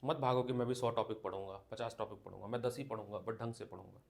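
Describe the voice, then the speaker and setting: A man's voice: on the low side, fairly even intonation, creaky, darkish tone. Male teacher dictating a lecture. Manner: dictates slowly, repeats phrases, coaches students directly. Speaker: physics teacher. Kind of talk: classroom lecture. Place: classroom.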